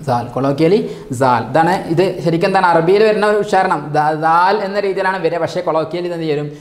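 A man gives an online class lecture, asking his own questions and answering them. He talks quickly in a slightly high voice. The sound is echoey, as if in a bare room. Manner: quizzing rhetorical questions and answering them himself. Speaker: teacher.

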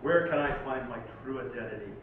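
A man from Oregon, United States, reads his own poems at a live poetry night, speaking in a mid-range voice at a slightly quick pace with a theatrical, dramatic delivery. The reading includes informal introductions between pieces. Recorded from a distance, the audio is tinny, very echoey and faint, with a little background noise.

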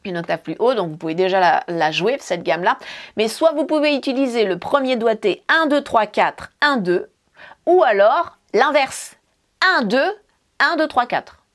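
A woman's voice: fairly high pitch, expressive, moderate pace. A woman piano teacher, explaining a scale casually and counting fingerings aloud as she plays. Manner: talks while playing, counts fingerings aloud. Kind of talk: casual demonstration lesson. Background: piano notes.

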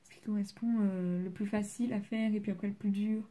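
A teenage French girl chats through her homework on a casual study vlog, using many fillers and now and then murmuring. She speaks fairly quickly in a steady, warm, mid-range voice.

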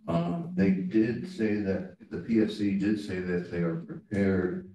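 A man giving a project update to a board committee, with many ums and pauses, recorded in a conference room from a distant camera. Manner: halting, many ums, animated pitch swings. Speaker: staff member reporting to a board committee. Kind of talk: meeting update. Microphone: far room camera. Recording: very echoey room, distant mic, faint noise.

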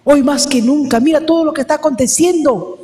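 A woman's voice: sits high, fairly quick, mellow, big-room sound. A woman preaching a sermon at a women's service, emphatic and repetitive, often calling out to the brethren.

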